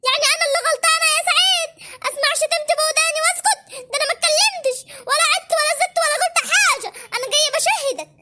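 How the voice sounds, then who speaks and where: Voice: rapid-fire, background noise. A voice actor playing a whiny young village wife, complaining and protesting in a cartoon. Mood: indignant. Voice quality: squeaky, tearful.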